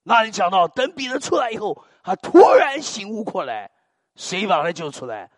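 An older male preacher delivers a sermon in a high, husky voice that swoops wildly up and down. He tells stories dramatically and drops low hallelujahs between his lines. The sound is dry and close. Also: normal speed, no echo. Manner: animated, dramatic storytelling peppered with muttered hallelujahs.

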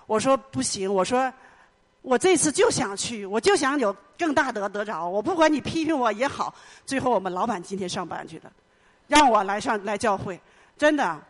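A woman's voice: a little high, expressive, normal speed. A middle-aged woman giving an emotional personal testimony in church, telling her story earnestly and with much repetition. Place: church hall.

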